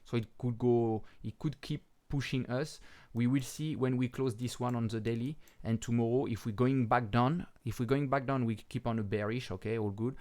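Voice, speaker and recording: A man with a French accent and French as his first language, talking through crypto charts in a casual, halting way with many pauses and restarts, and swearing bluntly now and then. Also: mid-range voice, steady tone, darkish tone. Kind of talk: casual market commentary over charts.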